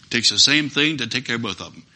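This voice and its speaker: A man's voice: medium pitch, animated, fast, pushed and bright. A man preaching a sermon, earnest and emphatic, repeating phrases for stress.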